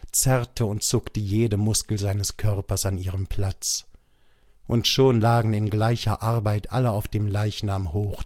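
Low-voiced man reading a story. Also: a little mellow, no echo, studio quality. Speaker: audiobook reader. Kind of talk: literary audiobook narration.

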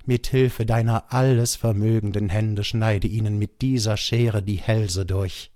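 A man's voice: fairly low pitch, steady tone, a little slow, mellow, no room sound, clean studio sound, lightly acted. A man voicing an old wailing jackal. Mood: lamenting. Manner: lamenting, imploring.

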